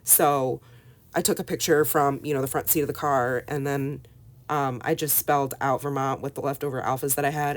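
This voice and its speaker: A middle-aged woman with a sick, hoarse voice, chatting casually through a voiceover walkthrough from home with lots of fillers. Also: a bass voice. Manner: chatty, relaxed with many fillers. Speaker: scrapbooking vlogger.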